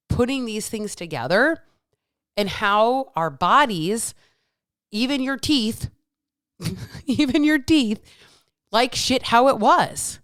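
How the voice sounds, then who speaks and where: Clear-voiced woman around forty talking with retainers in. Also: mid-range voice, fairly bright tone, no room sound, clean studio sound. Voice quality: speech slightly altered by dental retainers in her mouth. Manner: candid, sweary, emphatic, repeats phrases for stress. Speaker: podcast host, health coach. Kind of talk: casual solo monologue telling a story with lessons.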